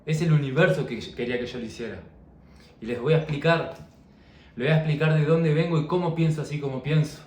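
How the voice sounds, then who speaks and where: A man's voice: fairly high pitch, quick pace, darkish tone. Earnest man, echoey room. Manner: earnest, repetitive, confessional. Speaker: mindset and fitness coach. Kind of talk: personal vlog monologue.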